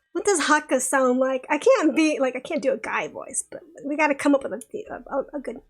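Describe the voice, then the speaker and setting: A woman streaming a visual novel, chatting with viewers and reading the story aloud with frequent laughs. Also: high-pitched. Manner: giggly and chatty, reads narration slowly.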